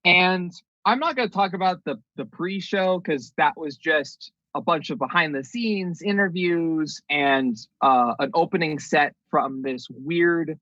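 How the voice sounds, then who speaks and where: A man's voice: fairly high pitch, unhurried, few pauses, bright, forceful tone, no room sound. A man co-hosting a podcast, dry and laid-back, keeping the show on track in casual chat. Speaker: podcast co-host. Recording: dry, slightly dull lo-fi audio.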